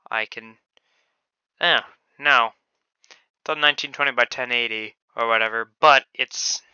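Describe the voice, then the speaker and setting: A man chats through his gameplay in a casual, meandering way, pausing on fillers and swearing offhandedly. His voice is sharp and bright with a smooth, clean tone. The recording sounds dull and lo-fi. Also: mid-range voice, dry recording. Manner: rambling, hesitant, with casual swearing. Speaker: game streamer.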